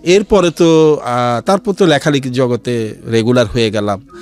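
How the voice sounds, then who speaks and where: Music runs beneath this radio studio interview, where a middle-aged guest with a Bangladeshi accent recounts his life and shares sincere advice. He speaks at a moderate pace in a mid-range, slightly mellow voice.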